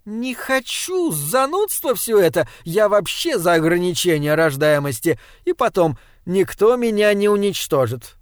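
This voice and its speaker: A capricious young beauty queen, as a male reader puts her on, pert and mocking. The voice sits up high and is recorded dry and close, with no room sound. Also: very animated, measured pace, hardly any pauses, dry recording.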